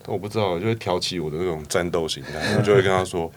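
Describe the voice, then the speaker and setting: A man's voice: sits low, fast, a little hiss or hum. A man, a bar founder, casually telling stories in an interview and acting out the people in them. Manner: animated storyteller, acts out customers' lines.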